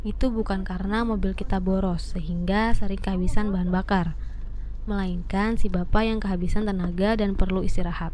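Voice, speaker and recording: A woman's voice: medium pitch, fairly even intonation, brisk, darkish tone, a little hiss or hum. A woman in her thirties, narrating a family road trip vlog in a friendly, motherly, explanatory way. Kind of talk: casual travel vlog narration.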